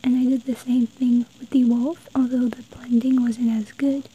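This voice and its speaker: A woman narrating an art tutorial step by step in a soft, breathy whisper. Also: fairly high pitch, little pitch movement, normal speed, poor audio.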